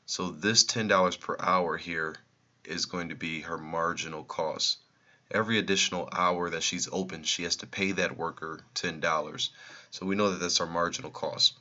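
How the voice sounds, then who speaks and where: A man's voice: sits low, steady tone, moderate pace, pushed and bright, highs cut off. A man who is losing his voice, explaining exam problems in a recorded review lesson and repeating the key numbers.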